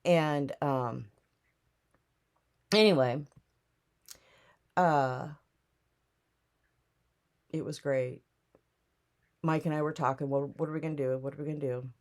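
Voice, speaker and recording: A woman's voice: deep voice, fairly even intonation, slow pace, long pauses, a little mellow. A woman, casually telling a personal life story in a rambling, reflective way. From Newton, Iowa, USA. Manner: rambling, reflective, often drifting back with "anyway". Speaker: storyteller recounting her life.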